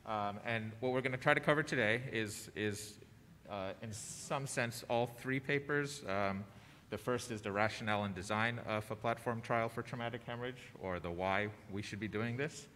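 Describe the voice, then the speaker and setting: A man introducing a conference talk through a face mask, speaking up and hesitating with frequent pauses. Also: fairly low pitch, fairly bright tone. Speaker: conference presenter. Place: large indoor presentation room. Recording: reverberant hall, clear background noise.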